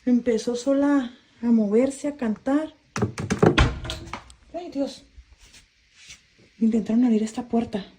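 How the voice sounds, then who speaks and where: A woman's voice: fairly high pitch, takes it slowly, pauses often, echoey room, noisy background. A nervous woman filming on her phone in her bedroom at night, anxiously repeating herself and asking who is there. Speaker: homeowner filming a haunting. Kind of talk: frightened phone-video commentary. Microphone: phone camera.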